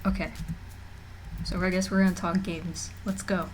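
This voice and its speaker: A woman's voice: lowish voice, little pitch movement, normal speed, a little hiss or hum. A young woman streaming from home and chatting casually, rambling with lots of fillers and restarts while feeling a little nauseous. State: mildly nauseous. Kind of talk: casual livestream chat. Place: home room.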